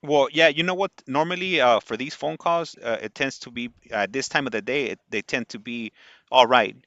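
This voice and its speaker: A man hosting a casual phone call, talking in a halting, wordy way and often repeating words. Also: medium pitch, fairly bright tone, dry recording. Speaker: show host. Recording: dull, band-limited sound.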